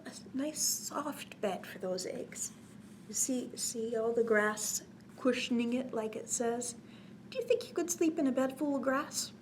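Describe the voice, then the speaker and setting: A slightly high-voiced woman hosts story time for children, reading a picture book with expressive, sing-song emphasis. She pauses to explain and ask questions, and slight background noise can be heard.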